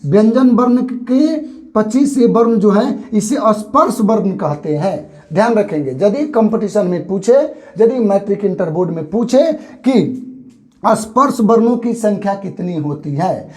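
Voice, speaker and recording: A man's voice: sits high, expressive, unhurried, darkish tone. A man teaching grammar for exams, repeating key points and drilling letter sounds one by one. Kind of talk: classroom-style exam lesson.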